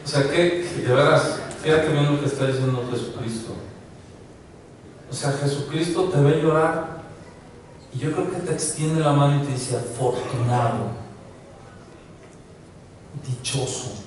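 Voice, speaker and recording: Chatty pastor in an echoey hall. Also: male voice, a little high, steady tone, moderate pace, long pauses, slight background noise. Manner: chatty, laughs often, many fillers. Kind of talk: informal sermon. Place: church hall. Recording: very echoey hall, mic far off.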